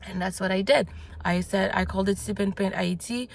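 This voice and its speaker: A woman who grew up in the United States talks in a motivational vlog as a business coach, blunt and casually swearing as she rambles loosely with lots of fillers and restarts. Her mid-range voice is gravelly and fairly quick.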